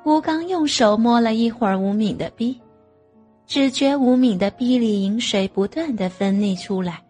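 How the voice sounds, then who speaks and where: A woman narrating an audio novel in a slow, even storytelling manner. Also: on the high side, soft background music.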